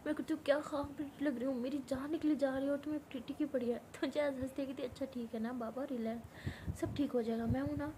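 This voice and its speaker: A young woman narrating a personal love story in first person, acting out the dialogue in a soft, hushed voice. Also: sits high, steady tone, fast talker, slight background noise.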